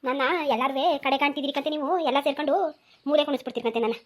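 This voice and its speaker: A scheming cartoon village mother-in-law, as a woman voices her, nagging and repeating herself in a rural Mysore-region accent. She speaks high and rapid-fire. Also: fairly even intonation, close to an everyday voice. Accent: rural Mysore-region Kannada. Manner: nagging, insistent, repetitive.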